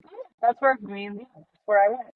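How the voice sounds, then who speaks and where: A woman speaking as a guest in a casual interview, reflective and soft-spoken, with many fillers. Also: medium pitch, steady tone, fast, dry recording, narrow, tinny audio. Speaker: guest, meditation teacher.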